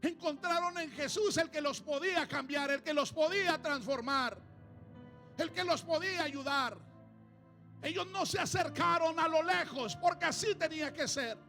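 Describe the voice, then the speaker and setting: A man preaching a sermon to his congregation in church, calling them "amados" and swinging between hushed passages and shouted ones. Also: very high-pitched, moderate pace, gravelly, soft background music. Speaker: pastor.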